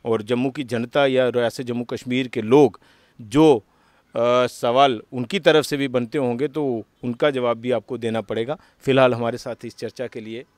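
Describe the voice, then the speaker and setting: A male news anchor from closing a political interview with formal, measured commentary. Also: medium pitch, fairly even intonation, a little mellow, no room sound.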